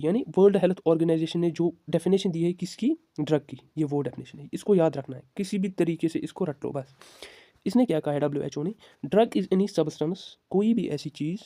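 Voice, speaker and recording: A man's voice: high voice, dark tone, no room sound, studio quality. A young man giving a pharmacy lecture, explaining step by step and asking and answering his own questions. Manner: reads definitions slowly, then explains them. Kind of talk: classroom lecture.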